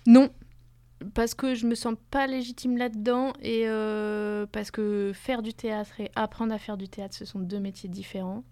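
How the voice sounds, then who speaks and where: A woman's voice: mid-range voice, little pitch movement, moderate pace, dark tone, no echo. A woman speaking as a guest in a radio interview, hesitating often, with many fillers and restarts.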